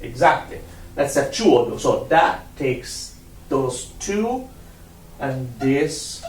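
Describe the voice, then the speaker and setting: A man's voice: medium pitch, very animated, slow, a little hiss or hum. A man teaching a one-on-one music lesson, patient, repeating himself and counting out rhythms. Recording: roomy sound from a distant mic.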